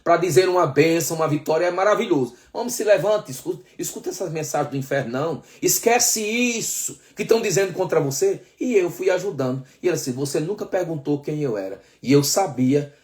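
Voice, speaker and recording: A male pastor from Brazil preaching a sermon, calling his listeners brothers, slowing down for emphasis and acting out the dialogue in his stories. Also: on the high side, animated, a little mellow. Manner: addresses listeners as brothers, frequent tag questions; slows down for emphasis, acts out quoted dialogue.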